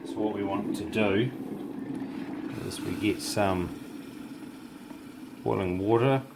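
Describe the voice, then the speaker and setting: A man with a New Zealand accent talks through a hands-on hobby tutorial. His voice is very deep, with plenty of gravelly creak. The delivery is casual and halting, as he works out his phrases while demonstrating. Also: background noise. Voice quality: gravelly, low voice.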